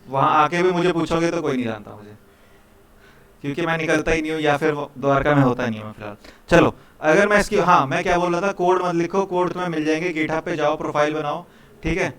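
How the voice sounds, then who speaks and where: Speaking quickly in a high, fairly bright voice, this Indian man runs a live coding class with an easygoing, chatty manner. He coaxes his students, checks in often, and peppers his talk with "ठीक है" and "भाई," addressing them as brother.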